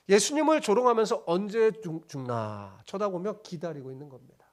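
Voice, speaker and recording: Lively high-voiced Korean pastor preaching. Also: male voice. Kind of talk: sermon. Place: church sanctuary.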